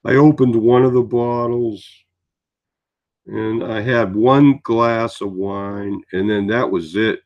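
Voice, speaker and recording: Slow-talking tired man in his sixties. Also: lowish voice, steady tone, a little mellow, lo-fi sound. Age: 60s. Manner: meandering, chatty storytelling with many fillers. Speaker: vlogger. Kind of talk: casual rambling vlog monologue.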